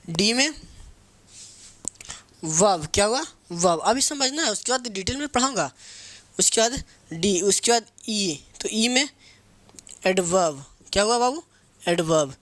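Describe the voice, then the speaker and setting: A man's voice: high-pitched, a bit bright, dry recording. Guy teaching english grammar, asks then answers himself, spells stuff out letter by letter, dry close sound. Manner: asks and answers his own questions, repeats terms, spells words letter by letter; calls students babu and beta. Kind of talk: spoken grammar lesson with drills.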